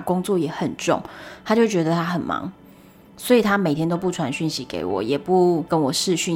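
A young woman hosting a solo podcast, telling stories in a chatty, animated way with exasperated asides. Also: lowish voice. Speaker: podcast host.

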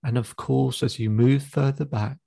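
With a mellow, gravelly mid-range voice, a therapist leads his client into a visualization, counting them in and giving each step in turn. His pacing is slow, calm and instructive, and the audio is close-miked and dry.

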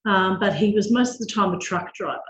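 A New woman in her fifties speaking as an interview guest. She talks candidly and matter-of-factly at a middle pitch. Her voice carries some room echo. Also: a little fast, dull audio. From New Zealand. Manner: candid, matter-of-fact storytelling.

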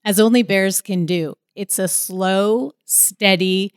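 A woman telling a personal story in a casual, animated way, with vivid retelling. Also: mid-range voice, slow pace, clear, resonant tone, dry recording. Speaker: storyteller guest.

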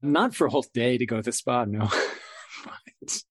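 Casting note: man, podcast co-host, easygoing, mid-pitched, dry close sound. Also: expressive, normal speed, breathy edge, dry recording. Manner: easygoing, brief replies. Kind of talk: casual chat.

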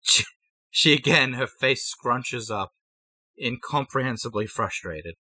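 A man running a tabletop game as game master, narrating the action in brisk present tense. His tone is bright and forward, and the sound is dry and close. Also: mid-range voice, husky, no room sound.

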